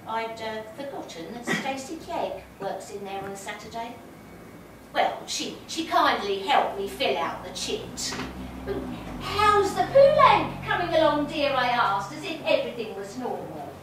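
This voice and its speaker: A woman's voice: a little high, expressive, moderate pace, lightly acted. A woman playing a chatty old medium. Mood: gossipy. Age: older. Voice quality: fussy, gossipy and self-amused. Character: chatty, genteel older female medium. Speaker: spirit medium. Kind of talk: stage monologue. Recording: roomy, distant and noisy.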